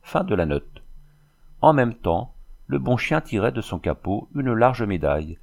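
A man narrating a classic novel aloud in a dramatic, measured storytelling manner. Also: medium pitch, sing-song, gravelly, a little mellow. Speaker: audiobook narrator. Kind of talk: expressive literary narration.

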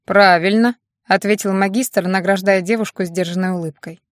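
A woman reading a fantasy story aloud in steady, scripted audiobook narration. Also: medium pitch, normal speed, dry recording, clean studio sound.

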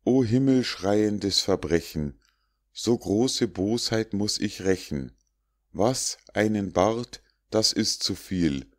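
A man's voice: fairly low pitch, animated, takes it slowly. A man doing a ranting tyrant. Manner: ranting, scolding. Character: raging male tyrant, foolishly furious.

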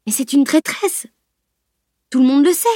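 A cheeky teenage boy, put on by a woman reading a storybook, teasing his friends in a raised, bright voice. He sounds mocking and full of mischief. The recording is close and dry. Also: high voice, normal speed, no room sound, pitched above the performer's own voice, lightly acted. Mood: indignant.

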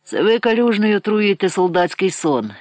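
A man's voice: a little high, big pitch swings, moderate pace, no echo, voice pushed up. A man voicing a cocky, theatrical young male soldier who talks in a showy, playfully pompous way. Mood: theatrical, mocking. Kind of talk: audiobook character reading.

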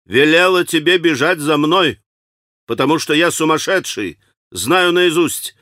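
A man's voice: mid-range voice, expressive, measured pace, fairly bright tone, no room sound, studio quality. A man reading an audiobook, voicing an irritable, brooding young man who talks curtly and sardonically. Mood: irritated. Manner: curt, sardonic.

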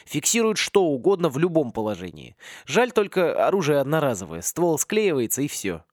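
A man's voice: on the high side, very animated, moderate pace, no echo, clean studio sound. A man voicing a cocky, talkative teenage boy wizard in a storybook. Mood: cheeky.

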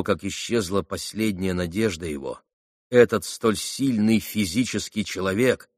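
A man narrating a classic novel as an audiobook, reading in an expressive, dramatic way. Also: lowish voice, no echo, clean studio sound. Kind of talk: scripted narration.

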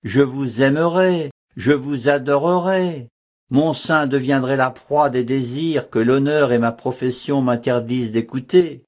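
A man reading the lines of a grave, measured monk prior in an audiobook. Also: mid-range voice, a little mellow, natural voice. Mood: earnest. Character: grave male monk prior, torn and firm.

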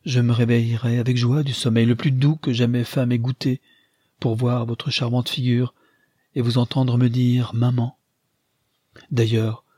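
A man's voice: medium pitch, mellow, husky, no echo, clean studio sound, lightly acted. A man voicing a frail, feverish dying mother who pleads anxiously in an audiobook.

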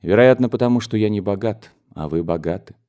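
A man reading an audiobook, voicing a brooding, bitter young gentleman in a low, restrained voice. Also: a little fast, clear, resonant tone, close to an everyday voice. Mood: grave. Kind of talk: audiobook character voice.

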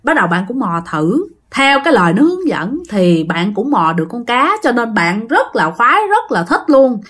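Speaking to her audience directly and chattily, a woman spins a casual ghost story. The voice runs on the high side, fairly bright, with large swings in pitch and a moderate pace.

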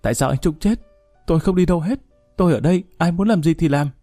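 A young wife in fresh grief, sobbing and frantic, her voice lifted well above the reader's own pitch, as a male storyteller puts her on. The voice is mellow and dry, with faint music underneath. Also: fairly even intonation, normal speed, breathy edge, no echo. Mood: distraught. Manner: sobbing, disbelieving cries.

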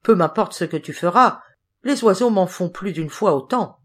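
A woman voicing gruff grown men who scheme as thieves in a storybook, speaking in an urgent manner. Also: lowish voice, expressive, moderate pace.

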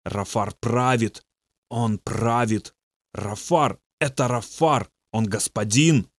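Guy doing a demon, boastful and nasty, drags words out low, dry close sound. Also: no echo. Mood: frenzied. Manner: gloating, slow and low. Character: snarling boastful male demon possessing a youth.

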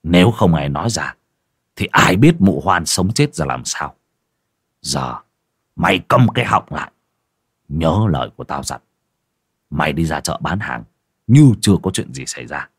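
A man doing a gruff, cruel village husband. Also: very animated, normal speed, long pauses, no room sound, studio quality, exaggerated voice. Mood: menacing. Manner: gruff, low, menacing orders. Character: cruel, domineering middle-aged village husband. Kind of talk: audio horror story reading.

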